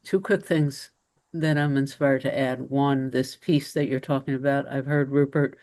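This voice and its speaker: A woman's voice: very deep voice, fairly even intonation, normal speed, a little mellow. A woman taking part in a spiritual discussion group over a video call, earnest and thoughtful, searching for her words. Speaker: group participant.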